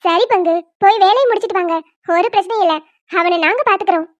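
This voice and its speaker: A woman's voice: very high voice, fast, no room sound, dull audio. A woman voicing a young doting aunt who coaxes a crying baby in sing-song baby talk. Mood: coaxing. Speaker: cartoon voice actor. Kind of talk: homemade cartoon dubbing.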